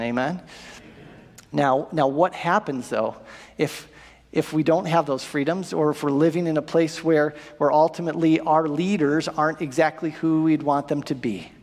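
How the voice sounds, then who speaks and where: High-voiced pastor preaching in a hall. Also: male voice. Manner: animated, gestures while preaching, asks the congregation rhetorical questions. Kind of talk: sermon. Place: church auditorium stage with audience. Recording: long reverb of a church hall.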